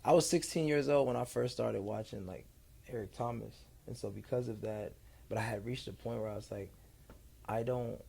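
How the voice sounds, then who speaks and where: A man in his twenties, a podcast guest, talking in a laid-back, slangy way with halting restarts. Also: on the low side, vocal fry, dark tone, slight background noise. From Columbus, Ohio. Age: 20s. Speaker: guest, speaker and real estate entrepreneur. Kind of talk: casual interview chat.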